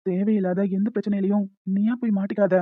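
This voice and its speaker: A woman voicing a stern but caring young man in an animated story, speaking in a firm, lecturing way. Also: medium pitch, dry recording, narrow, tinny audio, lightly acted. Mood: gentle. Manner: firm, lecturing, quick-talking.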